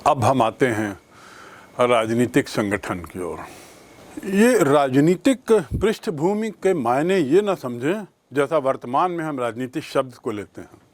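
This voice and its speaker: A man teaching a history lesson, explaining slowly and repeating key terms for his students. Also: on the high side, dry recording. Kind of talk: classroom history lecture.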